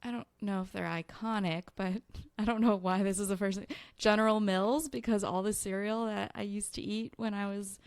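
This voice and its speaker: A woman's voice: medium pitch, steady tone, moderate pace, hardly any pauses, smooth, dry recording. Woman, Chicago accent, podcast co-host, giggly, nervous, dry close mic. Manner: giggly, nervous, laughs a lot. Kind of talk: casual chat.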